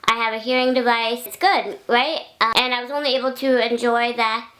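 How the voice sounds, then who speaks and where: A woman's voice: a little high, fairly even intonation, fairly quick, sharp tone. A young adult woman vlogging casually, chatty and rambling, often losing her thread and backtracking. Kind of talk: casual vlog talking to camera.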